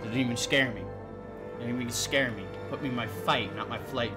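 A man recording let's play commentary, excitable and swearing, yelling at jump scares. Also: mid-range voice, moderate pace, loud music behind the voice. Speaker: gaming channel host.

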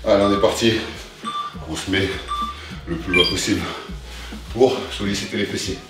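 At a normal speed and in a steady tone, a young man with a voice on the low side coaches a workout while exercising, cheering people on with short, motivating cues. This young adult fitness coach is indoors in a living room. The recording is very echoey from a distant mic, with clear music in the background.

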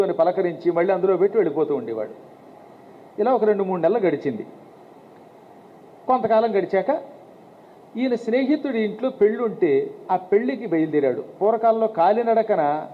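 A man in his fifties giving a storytelling religious discourse, humorous and lively. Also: sits high. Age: 50s. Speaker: devotional speaker. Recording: tinny phone-like sound, faint hiss.

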